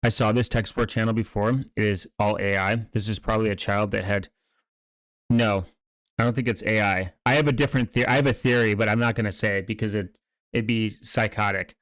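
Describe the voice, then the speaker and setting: A man's voice: lowish voice, fairly even intonation, a bit bright, dry recording. Rambling man in casual commentary, close dry sound. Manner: halting, rambling, often trails off and restarts mid-thought. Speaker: streamer reacting to online videos and channels.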